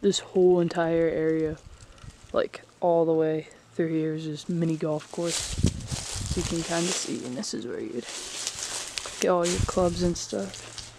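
A woman's voice: sits low, fairly even intonation, a little slow. A young woman vlogging as she explores an abandoned amusement park, chatting casually and trailing off with fillers, recorded on a handheld camera. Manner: chatty, filler-heavy, hushed asides. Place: abandoned amusement park, indoors and outdoors in woods. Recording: handheld camera with loud background noise.

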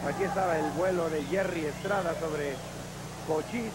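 A man's voice: fairly high pitch, steady tone, moderate pace. A man with a Mexican accent calling live play-by-play as a wrestling commentator, with dramatic, exclamatory remarks. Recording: noisy old TV wrestling broadcast.

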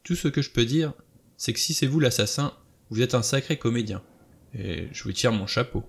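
A man's voice: medium pitch, lively intonation, moderate pace, gravelly, breathy edge. A man voicing a cool, self-assured adventurer who teases his companion in an audiobook. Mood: mocking.

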